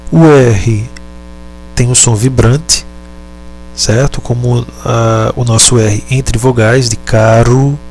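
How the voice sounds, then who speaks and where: Slow, deliberate male teacher. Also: mid-range voice, fairly even intonation, a little mellow, slight background noise. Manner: deliberate, halting, repeats and self-corrects. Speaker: Latin teacher. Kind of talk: slow explanatory lesson.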